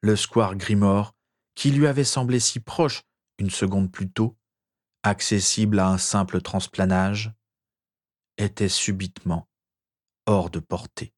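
A man narrates a fantasy story with measured, expressive delivery. His voice sits fairly low for a man, and he reads the prose steadily and with feeling. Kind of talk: dramatic story reading.

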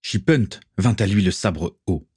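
A man narrating an adventure story in a steady, even reading voice. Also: deep voice, a little slow, breathy edge, no echo, studio quality. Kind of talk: audiobook reading.

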